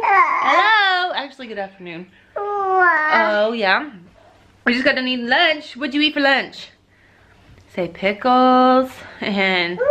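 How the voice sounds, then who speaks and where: A young woman vlogging casually at home, chatting to her viewers and switching to a high sing-song voice for her baby. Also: noisy background. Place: at home, then by car at a park.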